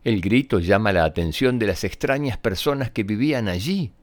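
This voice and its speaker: Low-voiced man telling children's stories, very animated. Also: normal speed. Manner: expressive, addressing young children. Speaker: children's storyteller and show host. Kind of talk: scripted storytelling for children. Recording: roomy echo, music behind.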